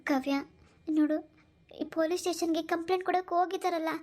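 A woman voicing a middle-aged mother who soothes her daughter in a cartoon, guilt-ridden and gentle. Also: very high-pitched, fairly even intonation, quick pace. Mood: consoling. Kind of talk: cartoon voice acting.

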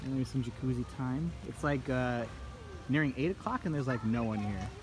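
A woman's voice: rumbling low, normal speed, poor audio. A woman vlogging a family rest day in a casual, chatty way and laughing easily. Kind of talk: casual family vlog chat.

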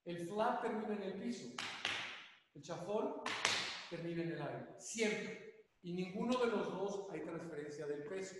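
An older man teaches tap dance, explaining each step slowly and repeating the step names to demonstrate. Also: high voice, expressive, heavy background noise. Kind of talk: spoken dance lesson. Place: dance studio. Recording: very echoey studio, long reverb.

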